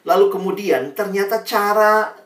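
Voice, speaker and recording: A man giving a storytelling sermon as a youth speaker, talking straight to the audience and acting out the people he quotes in a raised voice. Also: moderate pace. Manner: animated, acts out quoted people in a higher voice; addresses the audience directly as friends. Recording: echoey room, voice from a distance.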